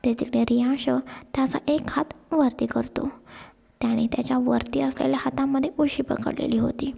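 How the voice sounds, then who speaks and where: A woman tells a romantic story in a hushed, half-whispered voice. Her pitch is high and her tone dark and mellow, with some gravel in it. The recording carries a long reverb. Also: fairly even intonation, moderate pace. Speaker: narrator. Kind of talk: storytelling narration.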